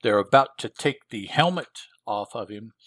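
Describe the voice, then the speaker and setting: A man's voice: fairly low pitch, lively intonation, moderate pace, fairly bright tone, dry recording. A man reviewing old comic books, retelling the plot in a rambling, casual way with lots of filler words. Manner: rambling, with frequent filler words and self-corrections.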